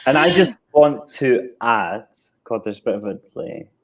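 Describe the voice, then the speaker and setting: A man's voice: medium pitch, expressive, normal speed. A man speaking as a marketing guest on an online video call, joking easily while his line comes back echoey. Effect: echoey line, hears his own voice back. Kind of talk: casual online webinar chat. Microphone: computer mic on a video call.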